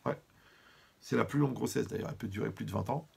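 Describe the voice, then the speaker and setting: Man, rabbi-style teacher, gravelly husky voice, lively humorous lesson. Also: fairly low pitch, fast. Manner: lively, talks to listeners directly, humorous examples. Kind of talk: Torah lesson.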